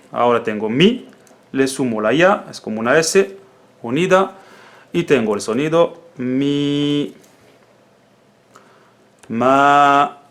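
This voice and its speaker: A man whose first language is Arabic teaches the Arabic alphabet in a patient spoken lesson. His voice sits on the high side, and he repeats each syllable slowly, drilling it.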